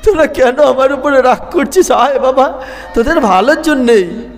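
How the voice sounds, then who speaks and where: A man's voice: high voice, animated, unhurried, pitched above the performer's own voice. A male preacher voicing an old devoted holy man who coaxes, scolds and cries out, recorded in an echoey hall with music. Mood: coaxing. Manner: pleading, coaxing, cries out.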